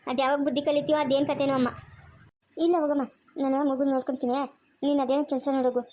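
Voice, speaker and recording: A woman with a high voice and a Chikkaballapur Kannada accent plays out a homemade family drama. She rattles off fast, scolding village talk. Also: flat delivery, warm tone. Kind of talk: amateur family drama acting.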